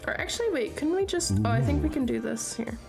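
A woman's voice: fairly high pitch, huge pitch swings, fast talker, vocal fry, a little mellow, faint music behind. A woman streamer chatting casually with her viewers while she draws, laughing often between remarks. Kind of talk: casual chat during a live art stream.

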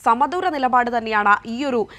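Bright-voiced woman news anchor. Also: on the high side, animated, moderate pace. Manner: clear formal delivery. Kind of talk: news reading. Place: TV studio.

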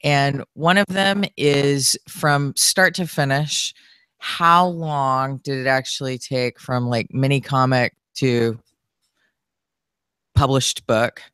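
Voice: medium pitch, fairly even intonation, slow, a bit bright, clear, resonant tone, no room sound. A young adult in the audience asking two careful questions.

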